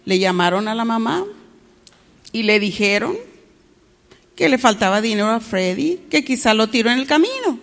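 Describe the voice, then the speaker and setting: A woman's voice: a little high, moderate pace, long pauses, big-room sound. A woman telling a story to children, often stopping to ask them questions. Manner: asks the children questions, animated.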